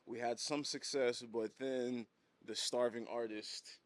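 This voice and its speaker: Speaking at medium pitch with a steady tone and a slightly slow pace, a Haitian-born and Haiti-raised man in his thirties shares his story as a podcast guest. He's a hat brand designer, relaxed in this casual interview, chuckling a lot and repeating words as he goes.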